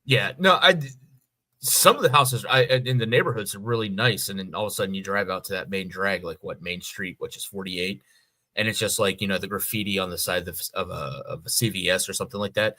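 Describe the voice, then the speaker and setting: A middle-aged American man co-hosts a podcast, chatting casually, rambling and swearing freely. His low voice comes a little fast, sounding pushed and bright.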